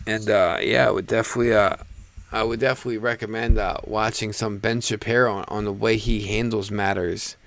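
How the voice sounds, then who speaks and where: A man from the United States hosting a live stream, talking in a relaxed, halting, rambling way about the news. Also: fairly low pitch, gravelly, no echo. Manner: laid-back, halting and rambling. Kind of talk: casual political chat.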